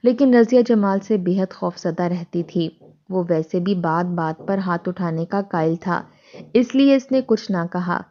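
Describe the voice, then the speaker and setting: Low-voiced woman narrating a story. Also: highs cut off. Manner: steady, dramatic storytelling.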